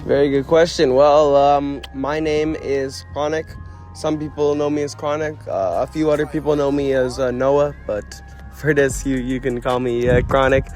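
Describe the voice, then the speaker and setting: Over music, a young French-speaking man from Quebec, Canada, chats in an interview about being a musician. He speaks at normal speed with fairly even intonation and a medium pitch, rambling slangily and constantly restarting or filling gaps.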